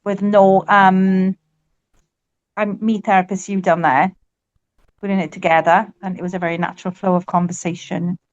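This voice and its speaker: A woman on a video call who talks quickly and apologetically. Her voice comes through a dull, lo-fi line that sounds dry and close. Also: mid-range voice, little pitch movement, no echo. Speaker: group participant. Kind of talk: casual online group discussion.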